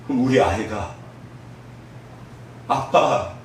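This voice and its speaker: A man preaching a sermon as pastor, telling a story with big swings between loud and hushed speech. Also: mid-range voice, takes it slowly, a little hiss or hum. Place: church sanctuary. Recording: very echoey hall, voice from far off.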